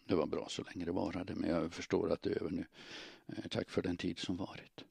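A man reading the lines of a desperate, unstable young woman, often softly whispered. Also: low-pitched, flat delivery, vocal fry, slightly rough, no echo, studio quality, full character voice. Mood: resigned.

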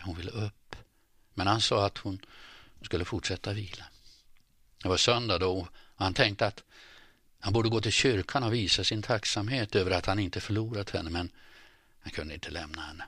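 Deep husky-voiced male storyteller. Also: no echo, studio quality. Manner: measured, sinking to hushed near-whispers in tense passages. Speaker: audiobook narrator. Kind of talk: scripted narration.

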